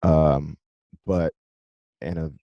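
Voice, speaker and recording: Very deep-voiced young man, relaxed. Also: very slow, dry recording, highs cut off. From South Carolina, US. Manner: relaxed, laughs often, loose rambling phrasing. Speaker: musician guest. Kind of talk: casual interview conversation.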